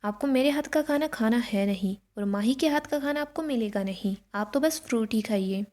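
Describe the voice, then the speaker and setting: This is a friendly young male chef who speaks politely and without fuss, read by a woman narrating a serial recap. She keeps close to her own fairly high voice and adds only a relaxed, easy tone. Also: moderate pace, natural voice.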